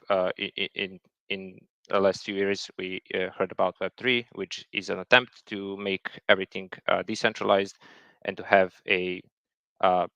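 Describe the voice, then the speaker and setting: A man's voice: low voice, vocal fry, pushed and bright, dry recording. A man giving a technical talk, hesitant and full of fillers and repeated words. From Serbia. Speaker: software engineer presenting a talk. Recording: dull lo-fi sound.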